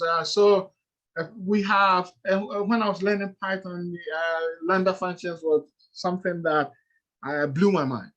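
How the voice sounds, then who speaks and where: A man's voice: fairly high pitch, fairly bright tone, poor audio. A middle-aged man with a Ghanaian accent gives a lecture-style presentation, explaining step by step with frequent "uh"s and "okay"s.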